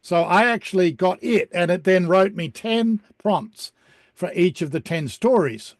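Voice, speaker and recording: Guy teaching a beginners class over zoom, kinda high voice, dry sound, lots of ums. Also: a little slow, dry recording. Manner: relaxed, chatty, frequent ums. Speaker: online course presenter. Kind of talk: casual explanatory talk on a video call. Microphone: video call.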